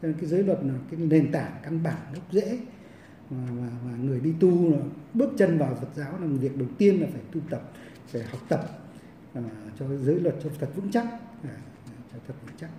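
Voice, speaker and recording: Monk giving a dharma talk, halting, lots of repeated fillers, echoey monastery hall, mic kinda far off. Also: male voice, fairly high pitch, animated, warm tone, a little hiss or hum. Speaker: Buddhist monk teaching monastic discipline. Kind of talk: Dharma lecture. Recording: roomy echo, mic at a distance.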